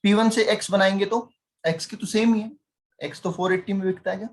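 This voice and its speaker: A man's voice: high-pitched, fairly even intonation, brisk. A male teacher giving a chatty lecture, teasing his students and constantly quizzing them. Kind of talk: classroom lecture.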